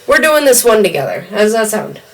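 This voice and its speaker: A woman's voice: medium pitch, sing-song, brisk, recorded from a distance, background noise. Chatty woman hosting a wrestling podcast. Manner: chatty, exclaims "Lord" often. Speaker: podcast host. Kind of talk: casual wrestling podcast chat.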